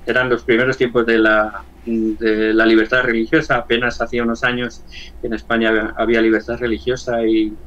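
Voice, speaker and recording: A man in his sixties from Valencia with a Spanish accent from Spain, giving an earnest personal testimony as an interview guest, often halting and repeating words. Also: mid-range voice, flat delivery, fairly bright tone, highs cut off. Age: 60s. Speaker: interview guest, church member.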